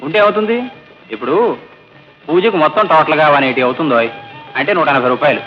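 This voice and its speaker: A man plays a sly con man posing as a palm reader, coaxing his mark with rapid, teasing patter. The voice sits high and races along. It comes from a dull, lo-fi old film soundtrack with faint music underneath. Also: close to an everyday voice. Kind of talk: old Telugu film comedy dialogue.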